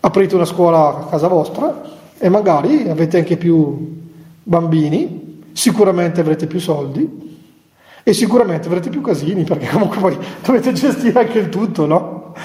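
In an echoey hall with long reverb, a high-voiced, expressive male friar gives a conversational retreat talk to nuns at a normal pace. His mellow delivery is chatty, sprinkled with humorous asides and chuckles.

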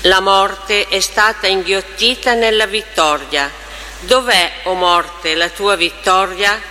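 A man gives a declamatory scripture reading in a high, very sharp and forceful voice. The sound rings through a large church, with faint background noise. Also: takes it slowly, long reverb tail. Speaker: lector reading an epistle at Mass.

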